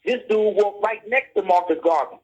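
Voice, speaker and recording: This middle-aged man's voice sits high with a darkish tone, moving at a moderate pace. Guesting on a podcast, he lectures conversationally and insistently, repeatedly asking "you see what I'm saying?" The sound is dull lo-fi.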